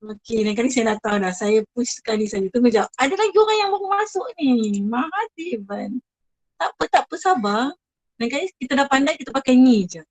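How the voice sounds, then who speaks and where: A woman's voice: high voice, big pitch swings, a little fast, no echo, low-quality recording. A woman teacher with a Malaysian Malay accent, running an online class, chatty and apologetic, praising her students one by one.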